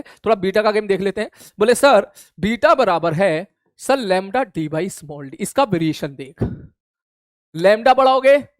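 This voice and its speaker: A man's voice: sits high, no room sound, studio quality. A man teaching a physics revision class in a chatty, informal way, often checking if students follow. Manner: casual, chatty, addresses students informally, keeps asking "clear?". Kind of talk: live online revision lesson. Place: online class studio.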